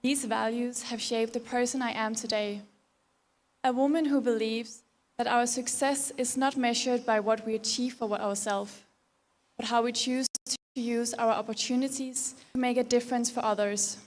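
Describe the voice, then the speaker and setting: A woman's voice: on the high side, fairly even intonation, normal speed. A Danish woman speaking English as a pageant contestant, giving a composed, formal prepared speech. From Denmark.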